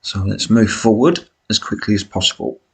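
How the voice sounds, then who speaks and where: A British man with a smoker's rasp and cough, giving chatty, blokey, self-deprecating commentary on a football management game as he live streams. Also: fairly low pitch, normal speed, rough recording.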